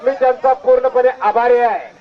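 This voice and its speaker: A man commentating on a wrestling match over a loudspeaker outdoors, commanding the crowd and the referees. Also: extremely high pitch, brisk. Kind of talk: live event commentary. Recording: muffled loudspeaker sound outdoors.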